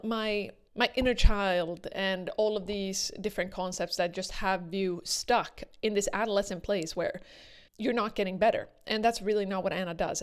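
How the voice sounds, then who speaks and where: A woman talking casually to viewers as a video commentator, earnest and emphatic, repeating words for stress. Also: medium pitch.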